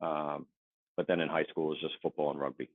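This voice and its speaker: A man in his forties from the Philadelphia suburbs, chatting casually as an interview guest in a relaxed, rambling, self-deprecating way over a remote call. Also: very deep voice, fast, dry recording. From Philadelphia suburbs, USA. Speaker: guest, Navy veteran. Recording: tinny phone-like dry line.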